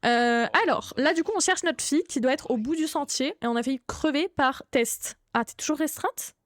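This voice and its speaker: A young woman with a high, bright-sitting voice chats her way through a horror game on a live stream. She greets her viewers one by one and swears casually. Her voice is recorded close and dry on a desk mic. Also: normal speed, dry recording. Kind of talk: live gaming stream commentary.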